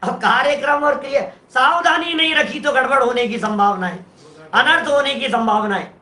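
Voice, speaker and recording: A man's voice: very high voice, normal speed, sharp tone, echoey room. A man, a preacher giving a sermon who explains a verse phrase by phrase and asks the listeners rhetorical questions. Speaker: Jain preacher.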